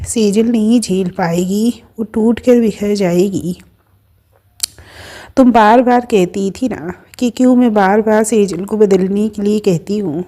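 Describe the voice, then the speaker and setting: A woman voicing a gravely ill mother in an audio story, speaking softly and pleading through tears. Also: mid-range voice, lightly acted. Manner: soft, tearful pleading.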